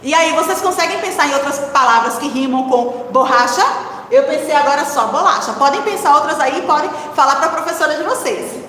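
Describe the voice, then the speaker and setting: A woman's voice: sits high, fairly bright tone. Woman, teacher, patient syllable-by-syllable lesson for children; long hall reverb, faint noise behind. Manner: slow, spelling out syllables to children; encouraging, asks the class questions. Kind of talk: primary-school literacy lesson. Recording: echoey room with long reverb.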